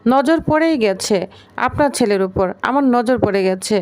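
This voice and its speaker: A woman's voice: fairly high pitch, animated, normal speed, natural voice. A woman reading as a brash, cheeky young woman. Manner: teasing, brash, talks back.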